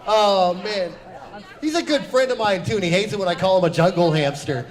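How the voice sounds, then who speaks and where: A man in his forties doing a loud, swearing, laid-back stand-up set. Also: high-pitched, brisk, a faint crowd. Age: 40s. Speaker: stand-up comic.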